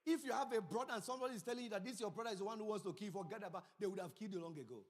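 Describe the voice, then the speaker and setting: A middle-aged man preaching a sermon as pastor, telling stories and swinging from low asides to loud emphasis. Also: racing. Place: church sanctuary. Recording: church hall reverb.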